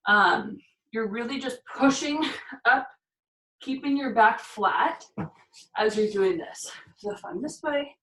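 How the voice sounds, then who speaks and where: A woman leads a workout demonstration, talking each move through as she does it and a little out of breath. Her voice sits somewhat high. She is recorded from a distance in an echoey room. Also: animated, slow, pauses often, fairly bright tone. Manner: talks through each move while doing it, counting reps. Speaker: fitness instructor. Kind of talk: exercise demonstration. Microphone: camera mic from a distance. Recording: echoey room, voice far from the mic.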